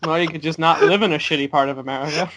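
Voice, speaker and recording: Male podcast co-host, high voice, blunt and sarcastic. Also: fairly even intonation, very fast, noisy background. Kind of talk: unscripted podcast critique.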